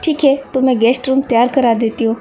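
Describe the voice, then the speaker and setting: A woman voicing a doting, affectionate middle-aged mother in a storybook reading, with a soft, fond tone. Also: high voice, fairly even intonation, fairly quick, soft background music, lightly acted.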